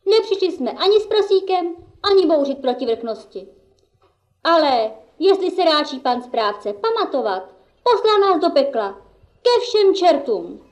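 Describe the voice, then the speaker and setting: Cheeky puppet jester boy voiced by a woman: very high, impish, mocking. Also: big pitch swings, a little mellow. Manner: mocking, playful banter. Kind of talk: puppet theatre play.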